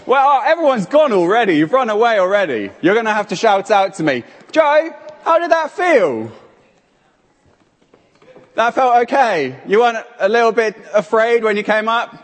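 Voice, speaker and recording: A man with a very high voice preaches at a measured pace in a church hall, holding a handheld mic. The sermon is interactive and playful; he's animated and summons people by name. Hall reverb is present.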